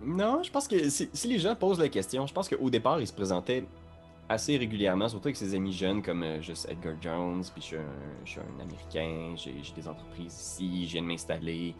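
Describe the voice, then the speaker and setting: A man's voice: sits low, animated, brisk, faint music behind. A man playing a tabletop game, talking hesitantly with many restarts. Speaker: player.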